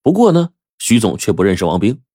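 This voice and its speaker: A male storyteller with a low voice narrates with a lively, animated rise and fall. The sound is close and dry, with no room around it. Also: brisk, breathy edge, no echo.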